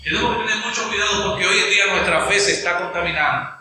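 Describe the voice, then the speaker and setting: A man preaching a sermon at a Lent retreat, animated and acting out Bible scenes with changes of voice. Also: high voice, fast, recorded from a distance, over music. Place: large church or retreat hall. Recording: echoey hall, speaker away from the mic.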